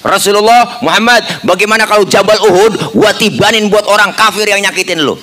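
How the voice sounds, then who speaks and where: A man's voice: sits high, a little fast, bright, forceful tone, pitched above the performer's own voice. A man voicing a hot-tempered male archangel who talks in blunt Betawi street slang. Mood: pushy.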